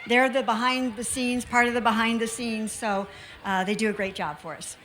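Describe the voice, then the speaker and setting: Female festival organizer, American, slightly high voice, informal event announcements. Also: steady tone, moderate pace, fairly bright tone, a little hiss or hum. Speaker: festival organizer presenting thanks.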